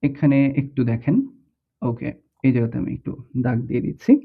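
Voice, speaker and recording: A man's voice: medium pitch, fairly even intonation, fairly quick, gravelly, breathy edge. Bangladeshi man teaching over a tinny line. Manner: explains step by step, checks often with the listener. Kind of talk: screen-recorded tutorial lesson. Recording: tinny, phone-like audio.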